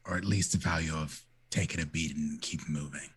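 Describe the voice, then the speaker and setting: Wary male vampire, played by a man, tabletop role-play, very deep, extremely breathy and rough, measured. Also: fairly even intonation, a bit bright, heavily acted. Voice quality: very husky, breathy.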